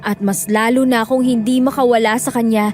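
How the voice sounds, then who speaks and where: Woman narrating a horror tale gravely. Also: fairly high pitch, fairly even intonation, darkish tone, soft background music. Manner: measured, grave storytelling. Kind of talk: scripted horror story narration.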